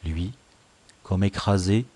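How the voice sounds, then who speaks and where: Man reading an audiobook, slow and expressive, dry close mic. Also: low-pitched, husky, no room sound. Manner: measured, expressive. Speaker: audiobook narrator. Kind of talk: scripted narration.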